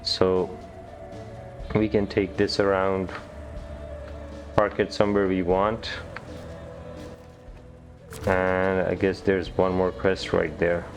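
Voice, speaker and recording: A man giving relaxed gameplay commentary, thinking aloud with hesitant restarts. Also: sits low, takes it slowly, pauses often, soft background music. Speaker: gamer.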